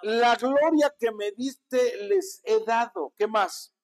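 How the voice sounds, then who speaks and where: A man's voice: very high-pitched, very animated, takes it slowly, vocal fry. A man with a Mexican Spanish accent, a pastor preaching a sermon and calling on his congregation to repeat after him. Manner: preaching with call-and-response to the congregation.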